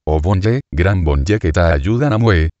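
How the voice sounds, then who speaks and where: Man voicing a panicked Haitian laborer begging for rescue in broken Spanish, deep voice. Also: animated, unhurried, a little mellow, no echo, muffled recording. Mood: desperate pleading. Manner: broken Spanish, crying out to God. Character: terrified injured Haitian cane worker, pleading.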